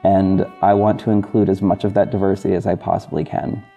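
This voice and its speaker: Low, level and brisk, his voice has a gravelly yet mellow quality, though the recording sounds muffled and has background music running underneath. As a podcast host and audio drama creator, he talks alone to his audience in an effusive, gushing, informal manner.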